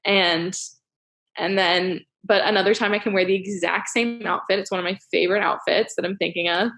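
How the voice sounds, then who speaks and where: A woman's voice: medium pitch, fairly even intonation, a little fast, fairly bright tone. A young woman hosting a casual podcast chat, rambling with lots of fillers and frequent laughs. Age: young adult. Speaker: podcast host.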